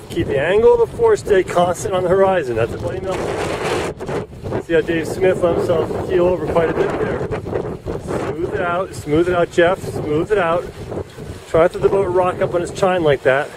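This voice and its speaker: A man giving live, coaching commentary on a sailing race from a dock outdoors, explaining rules as boats pass. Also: high-pitched. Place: outdoors at a yacht club dock. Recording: faint wind noise outdoors.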